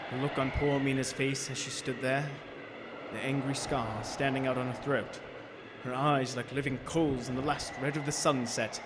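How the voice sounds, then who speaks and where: Radio drama narrator, male actor: haunted gentleman, measured and formal, mid-range voice, loud noise in the recording. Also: medium pitch, level tone, lightly acted. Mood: haunted, grave. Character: grave, haunted gentleman recounting horror.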